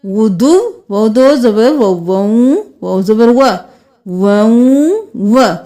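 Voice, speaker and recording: A woman teaching a tajweed reading lesson. She draws each recited word out slowly, then spells out the letters in quick plain explanations. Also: mid-range voice, warm tone.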